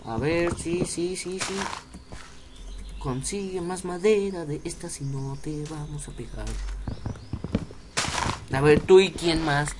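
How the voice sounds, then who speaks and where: A man's voice: fairly high pitch, slow, long pauses, noisy background. A young man giving jokey, chatty commentary while playing a game and talking to the characters on screen. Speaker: let's play gamer. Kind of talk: casual gameplay commentary.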